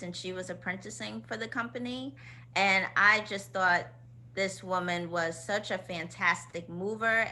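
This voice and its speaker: A woman's voice: medium pitch, pushed and bright, low-quality recording. A woman with a Queens, New York accent talking casually in an interview as a guest, emphatic and heartfelt. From Queens, New York, United States. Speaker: guest, choreographer and company founder.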